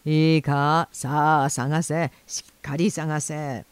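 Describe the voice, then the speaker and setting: A woman voicing a fat, greedy, quick-tempered rich man in a storybook reading, blustering and shouting threats. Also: low-pitched, little pitch movement, smooth, no room sound. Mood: commanding.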